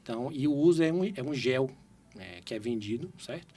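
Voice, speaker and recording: A man's voice: medium pitch, lively intonation, a little fast, mellow. A man in his thirties from Salvador, a cardiologist guest, explaining carefully in an interview with frequent tag questions. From Salvador, Brazil. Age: 30s.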